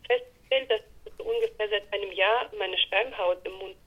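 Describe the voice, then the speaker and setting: A middle-aged woman on speakerphone, her voice choppy and muffled over a phone line, talking in a halting, hesitant way as she searches for words. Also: medium pitch. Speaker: caller seeking counsel. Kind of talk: personal consultation call.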